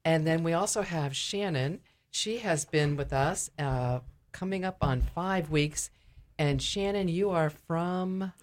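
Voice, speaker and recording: A woman with a low-pitched voice, a ministry director, is a guest on a conversational radio interview, explaining things a little haltingly.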